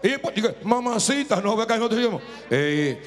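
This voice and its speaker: A Dominican-accented man hosts a live TV program in a playful, teasing way, stretching out his exclamations. His voice sits fairly high for a man, and a long reverb trails behind it. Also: very animated, fast. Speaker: TV show host. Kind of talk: joking live TV banter.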